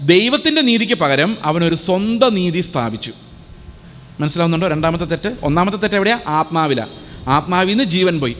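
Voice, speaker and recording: A man's voice: high voice, a bit bright, in a large hall. A male pastor preaching a sermon, asking his listeners one question after another. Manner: asks the congregation many rhetorical questions.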